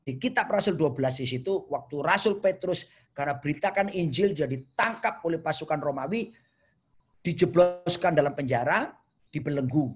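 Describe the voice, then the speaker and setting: A man preaching a sermon over a video call in a notably high voice. He tells stories in a playful, animated way and keeps asking his listeners questions. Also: normal speed, slight background noise. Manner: playful, animated storytelling, asks the audience questions.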